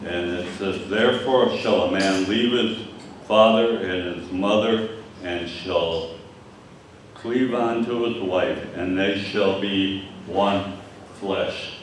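Delivering a Sunday sermon, this older Michigan-accented pastor talks slowly in a low voice, stumbling, repeating words and leaning on fillers. His voice reverberates through a very echoey church hall with a stage and screen, picked up from afar by a lectern microphone, with a little background noise.

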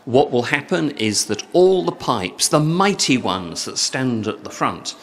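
A man's voice: medium pitch, very animated, a little slow. An Englishman in his sixties with an English accent, guiding a tour of a church organ, enthusiastic and descriptive, speaking into a handheld mic in a large church. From England. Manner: warm, enthusiastic and descriptive, with lilting emphasis. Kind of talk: guided tour talk. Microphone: handheld microphone.

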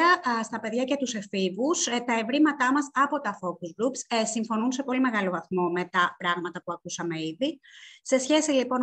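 A woman presenting research findings at an online seminar, speaking in a measured way with frequent hesitations. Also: a little high, a bit bright.

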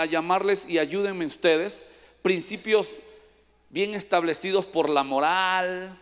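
A male pastor preaching a lively sermon, teasing and calling on people in the congregation by name. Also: high voice. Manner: playful, teasing, calls on audience by name. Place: large church hall. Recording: long echo of a church hall.

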